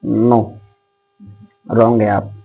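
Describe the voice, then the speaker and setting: A male Hindi teacher explaining a poem line by line for an exam, asking his students questions and chanting the verses slowly in a sing-song. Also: lowish voice, level tone, vocal fry, warm tone, rough recording. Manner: explains line by line, asks students questions, says "ठीक" often. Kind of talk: exam-prep poetry lesson.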